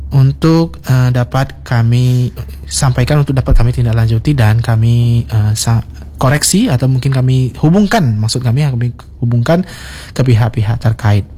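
A man's voice: mid-range voice, moderate pace. Polite male radio host. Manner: polite, steady, frequent "oke, baik". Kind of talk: call-in radio hosting.

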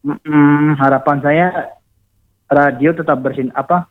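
A man's voice: on the high side, steady tone, slow. A man in his forties, a radio listener, chatting as a guest in a phone interview, rambling with many fillers. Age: 40s. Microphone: phone call. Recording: tinny phone line.

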